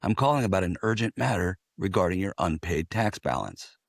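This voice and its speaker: Man doing a deep-voiced scam caller, fake tax agent, stern, threatening, dry close sound. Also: animated, brisk, gravelly, breathy edge, dry recording, full character voice.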